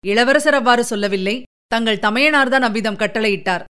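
Brief: a woman playing a respectful young warrior in a radio story, polite, fairly high voice. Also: a little fast, fairly bright tone, smooth, close to an everyday voice. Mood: humble. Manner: polite, deferential replies. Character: humble young male warrior messenger.

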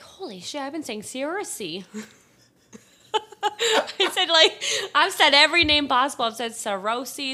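A young woman co-hosting a podcast, her voice bright and a touch high. She rambles through stories in a loose, chatty way and laughs easily. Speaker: podcast co-host. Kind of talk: casual podcast chat.

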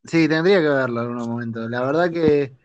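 A man's voice: medium pitch, a little fast, clear, resonant tone, no echo, dull audio. A young man with a Rioplatense accent, chatting in an easygoing way as a podcast co-host. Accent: Rioplatense Spanish. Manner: easygoing, chatty, laughs often. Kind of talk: casual chat.

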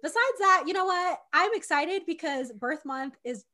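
A woman's voice: very high voice, expressive, moderate pace, sharp tone. A woman in her twenties co-hosting a podcast in casual chat, effusive and swearing casually. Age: 20s. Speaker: podcast co-host.

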